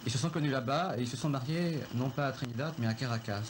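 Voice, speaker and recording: A man recalling his family's story in a film interview, reflective and halting, with many pauses. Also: mid-range voice, noisy background. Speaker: filmmaker recounting his family.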